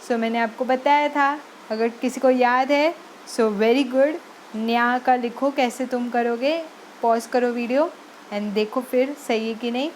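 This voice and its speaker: Slow, patient high-voiced woman teacher. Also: steady tone, a little hiss or hum, low-quality recording. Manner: patient, spells out syllables slowly, mixes English words into Hindi. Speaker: Sanskrit teacher. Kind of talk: online lesson.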